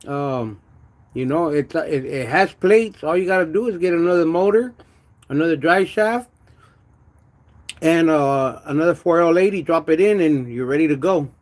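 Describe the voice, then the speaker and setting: A man with a slurred, wet lisp from missing front teeth, chatting casually and haltingly in slangy speech as a car vlogger. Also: on the high side, lively intonation, darkish tone. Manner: halting, stammered repetitions with pauses to manage saliva; slangy, uses "homie" and "dog", drops in Spanish words. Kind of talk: casual livestream chat about car work.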